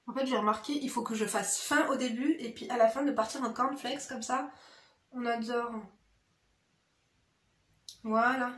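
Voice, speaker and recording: Chatting through her makeup routine in a casual get-ready-with-me video, a woman beauty vlogger talks straight to viewers in a familiar, slangy way, tagging lines with "hein." Her voice is a little high and fairly bright, fairly even in intonation, at a moderate pace with frequent pauses. The indoor room sounds roomy and echoey.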